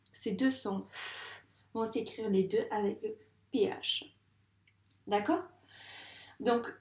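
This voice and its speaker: In an echoey room, a fairly high-pitched woman teacher stretches words out one syllable at a time as she patiently guides a young child through a video lesson. She works as a primary school teacher.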